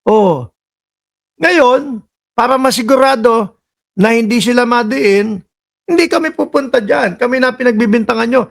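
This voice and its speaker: A man from the Philippines hosting political reaction commentary, sarcastic and animated, scolding the people in the clips and reading out viewer comments. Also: very high voice, moderate pace, gravelly, long pauses.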